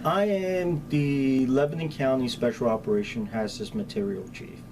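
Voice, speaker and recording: Being interviewed informally, the county's hazardous materials chief, a middle-aged man with a Spanish accent, answers in a plain, practical manner. He speaks at medium pitch and normal speed, with steady ambient noise clearly heard in the background.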